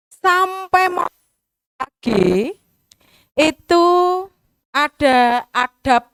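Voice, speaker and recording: A woman's voice: on the high side, a bit bright, clean tone, no echo, studio quality. A middle-aged woman teacher with a Javanese accent, talking to students in a chatty way and acting out everyday examples. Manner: chatty, mixes in local dialect, acts out examples. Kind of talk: school orientation talk. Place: school hall.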